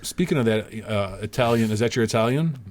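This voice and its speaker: A man's voice: fairly low pitch, lively intonation, a little fast, crowd noise. A man co-hosting a podcast in casual chat, teasing and joking, swearing freely. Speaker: podcast co-host.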